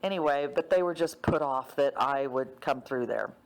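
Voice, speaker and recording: Low-voiced woman rambling about a dream. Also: normal speed. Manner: rambling, many fillers like "um" and "like". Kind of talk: casual spoken retelling of a dream.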